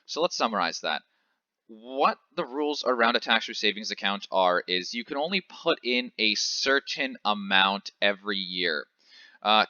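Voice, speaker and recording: A Canadian finance educator in his 20s gives a casual tutorial on money basics, chatty and full of "uh" fillers and self-corrections. His voice is low yet very bright and forward. The recording is dry and slightly dull and lo-fi, with no room sound.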